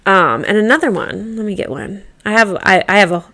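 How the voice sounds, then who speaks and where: Brief: woman, 30s, podcast co-host, chatty storyteller, mid pitch. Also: animated, a little fast, pushed and bright. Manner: chatty, storytelling with many fillers and restarts. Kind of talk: casual chat.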